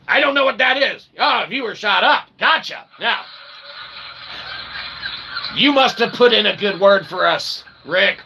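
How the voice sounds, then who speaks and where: On a livestream, a man with a high, husky voice and vocal fry delivers a rambling, tongue-in-cheek monologue to live viewers. He mock-philosophizes in verbose, pseudo-formal phrasing and often tacks on short tag questions, over steady background noise.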